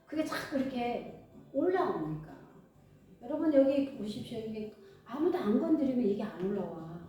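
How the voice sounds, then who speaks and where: A middle-aged woman pastor preaches in a chatty, animated way and jumps between high and low as she acts out little exchanges. Her voice is mellow and sits fairly high. She is picked up from a distance in a very echoey church hall, with faint music underneath. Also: moderate pace. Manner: conversational, animated, acts out dialogue. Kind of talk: sermon.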